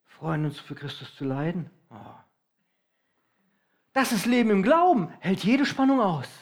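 High-voiced German preacher, emphatic sermon. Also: male voice, big pitch swings. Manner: emphatic, varies loudness, slows for stress.

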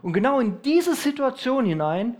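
Male preacher, high-pitched, emphatic, stretches key phrases. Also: sing-song. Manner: emphatic, varies loudness, slows for stress. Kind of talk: sermon.

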